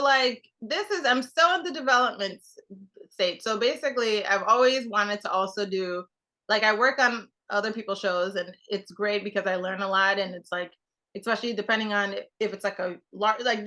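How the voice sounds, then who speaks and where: Here a young television producer from Trinidad talks as a guest in casual conversation, wandering through her points with many fillers and restarts. She speaks at a normal pace in a mid-range voice that sounds pushed and bright.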